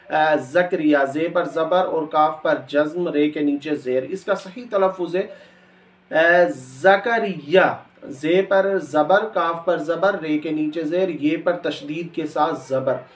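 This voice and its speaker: A man gives a slow, careful pronunciation lesson, spelling out each word letter by letter. His voice sits a little higher than usual and is recorded from a distance in an echoey room. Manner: formal polite address to viewers. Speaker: Urdu pronunciation teacher. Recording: echoey room, a bit far from the mic.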